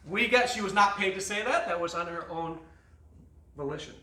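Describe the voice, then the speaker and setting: A man's voice: high-pitched, moderate pace, bright, forceful tone, roomy sound, distant mic. A man as fitness coach, leading a guided stretching class with jokes and countdowns. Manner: joking, upbeat instruction with counting. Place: fitness studio.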